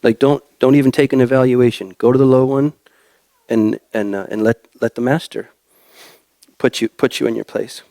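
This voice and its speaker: A young adult man preaching a church sermon in a halting way, with many fillers and restarts. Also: medium pitch, steady tone, warm tone, dry recording.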